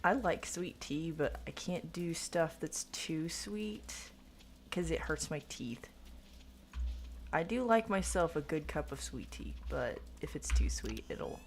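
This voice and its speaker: In a low, gravelly, expressive voice, an Oklahoma woman with a light accent chats slowly with her stream chat while gaming. She rambles, giggles, and makes fun of herself, and there's slight background noise.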